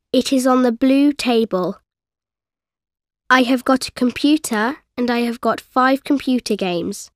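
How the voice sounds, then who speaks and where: A woman voicing a young girl character, reading a simple course-book text slowly with clear, careful diction. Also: on the high side, no echo, studio quality. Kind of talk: slow scripted textbook reading.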